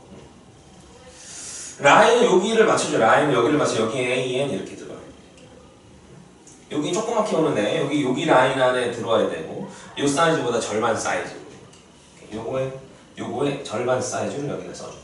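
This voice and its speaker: A man's voice: mid-range voice, moderate pace, pauses often. A man teaching a math lesson to a class, often checking that students follow. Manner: lively, asks students frequent check-in questions. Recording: echoey classroom from far off, faint noise.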